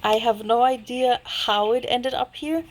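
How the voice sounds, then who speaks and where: A woman in a casual unboxing vlog, excited and gasping with delight, sometimes dropping to a hushed whisper. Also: on the high side, a little slow, a little hiss or hum, rough recording. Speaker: vlogger unboxing a package.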